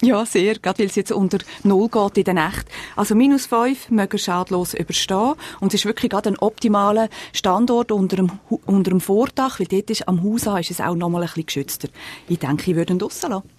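A woman's voice: medium pitch, fairly quick, darkish tone. Swiss German woman giving garden advice. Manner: practical, plain-spoken advice. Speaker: gardening expert guest. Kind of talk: radio advice answers. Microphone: studio microphone.

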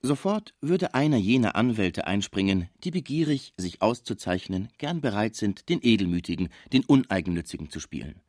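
Low-voiced male audiobook narrator. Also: sing-song, normal speed, hardly any pauses, a little mellow, no echo, clean studio sound. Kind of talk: audiobook reading.

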